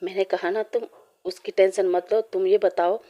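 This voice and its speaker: A woman narrator doing a powerful young mafia boss from a spoken storybook, coolly insistent and hard to refuse. The voice is mellow and low in brightness. It stays level, with little rise and fall. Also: steady tone, normal speed, close to an everyday voice.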